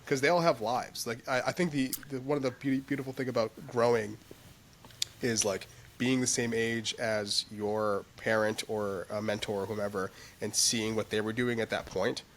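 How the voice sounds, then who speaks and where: A lower-voiced man talking in a casual podcast, the show's music director. He speaks haltingly, pausing often and circling back as he hunts for the next word. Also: fairly even intonation, a bit bright, a little hiss or hum. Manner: slow, halting, searching for words.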